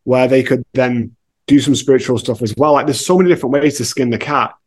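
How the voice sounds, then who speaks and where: A man's voice: mid-range voice, fairly even intonation, fast talker. A man talking as a guest on a podcast, blunt and emphatic, with a slangy casual manner and lots of "like" and "you know". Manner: frequent filler "like" and "you know".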